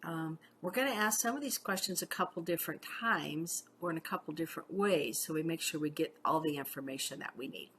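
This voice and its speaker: A woman's voice: sits low, fairly quick, few pauses, a bit bright, slight background noise. A middle-aged woman paramedic teaching a class in a casual, chatty way, often checking in with "okay?" and telling personal stories. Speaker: paramedic instructor.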